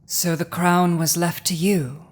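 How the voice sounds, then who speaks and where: Here the commanding dragon sounds sympathetic and subdued, her intensity giving way to compassion in this dramatic ASMR roleplay voiced by a woman. Very low for a woman and unhurried, the voice keeps fairly even intonation, and heavy pauses lend each phrase a dramatic, imposing weight.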